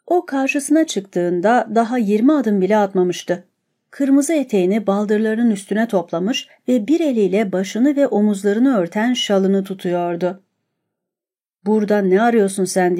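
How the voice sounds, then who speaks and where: Mellow-voiced woman reading a novel. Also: mid-range voice. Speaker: audiobook narrator. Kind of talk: scripted narration of a novel.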